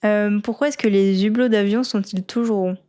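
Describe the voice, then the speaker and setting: A woman hosting a casual interview and running a quiz, self-deprecating and relaxed in manner. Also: medium pitch, normal speed. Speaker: host.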